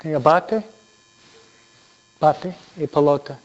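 A man's voice: on the high side, fairly even intonation, slow pace. A man doing an eager little boy. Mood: pleading. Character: small boy boasting about baseball to his mom. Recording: dull lo-fi recording.

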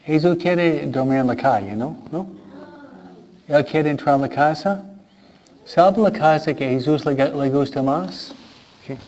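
Priest, man; slow, questioning catechism talk to kids, acts out small dialogues; muffled recording. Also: fairly high pitch, darkish tone. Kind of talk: catechism talk to children and parents. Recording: dull lo-fi recording.

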